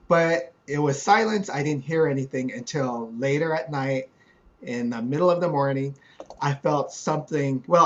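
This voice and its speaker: A man co-hosting a chat, telling his own story in a relaxed, hesitant way with many fillers. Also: fairly high pitch. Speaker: co-host. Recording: dull lo-fi sound.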